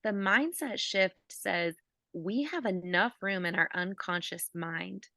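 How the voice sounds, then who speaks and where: A woman guiding listeners through a calm body-awareness visualization, speaking softly with casual fillers. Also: mid-range voice, takes it slowly, gravelly, no echo. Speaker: physical therapist guiding an exercise. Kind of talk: guided visualization.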